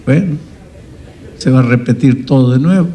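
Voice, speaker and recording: Pastor guy telling a sermon story, warm mellow voice, jumps up high for emphasis. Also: normal speed, slight background noise. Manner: dramatic, rising pitch for emphasis.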